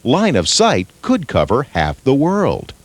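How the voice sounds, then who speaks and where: A man reading scripted instructional narration with a clear, explanatory delivery. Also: mid-range voice, wildly swooping pitch, slow pace, no echo.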